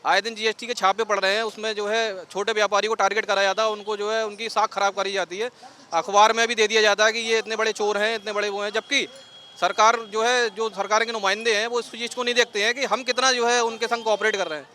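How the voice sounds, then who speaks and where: A man's voice: high voice, little pitch movement, fast talker, sharp tone, a little hiss or hum. A man being interviewed on a city street, speaking earnestly and rambling with many fillers.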